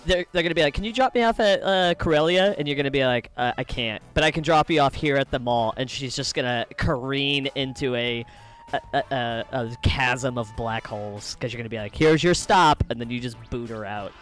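A man's voice: mid-range voice, fairly quick, a bit bright, soft background music, lightly acted. A man playing a chummy, easily exasperated desert alien scavenger, tipsy and rambling in improvised comedy. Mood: teasing. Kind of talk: improvised comedy role-play.

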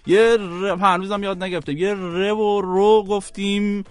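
High-pitched guy cracking jokes on a radio show, dry close mic. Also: fairly even intonation, dry recording. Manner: playful, self-mocking, laughs often. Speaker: radio co-host. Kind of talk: joking radio banter. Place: radio studio.

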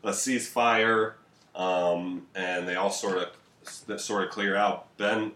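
A man's voice: deep voice, steady tone, slow, sharp tone. A man co-hosting a casual history podcast, rambling and profane, with laughing asides, recorded at home. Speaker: podcast co-host. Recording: echoey home room.

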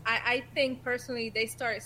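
Woman from puerto rico chatting as a guest, bright voice, lots of ums. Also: on the high side, flat delivery, a little fast, slight background noise, poor audio. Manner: friendly, hesitant with many fillers. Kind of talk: casual interview chat.

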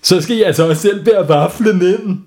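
A man's voice: high voice, darkish tone, pitched above the performer's own voice. A man voicing a patient but firm ice cream seller in a children's story, mildly scolding.

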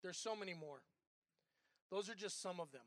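Candid high-voiced man preaching. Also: normal speed, dry recording. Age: middle-aged. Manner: conversational, candid preaching with personal stories. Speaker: associate pastor. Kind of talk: sermon.

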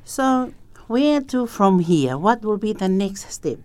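A woman's voice: mid-range voice, sing-song, slow, darkish tone. A woman hosting a conversational interview, effusive and appreciative in her manner. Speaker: podcast interviewer.

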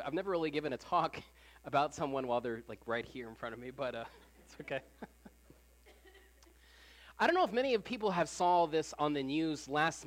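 A preacher at a Sunday service, talking to the congregation in a relaxed, everyday way rather than a formal one. Phrases get repeated for emphasis, and "like" fills the gaps. The pitch sits in a middle range. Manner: casual, repeats phrases, frequent "like" fillers. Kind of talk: conversational sermon.

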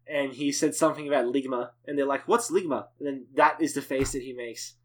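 A man's voice: medium pitch, flat delivery, fast. A man as a guest on a casual gaming podcast, riffing playful jokes.

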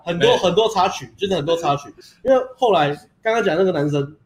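A man's voice: sits high, lively intonation, quick pace, echoey room. A young man, telling a funny story in casual chat, laughing and swearing freely.

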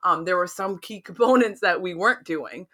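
A woman co-hosting a podcast, telling stories in a rambling, animated casual chat. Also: fairly low pitch, normal speed. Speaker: podcast co-host.

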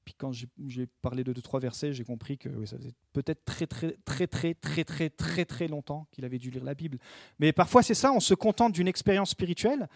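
Male pastor, sermon, earnest exhorting delivery, repeats key phrases, somewhat high voice, dry close sound. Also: expressive, brisk, gravelly, no room sound.

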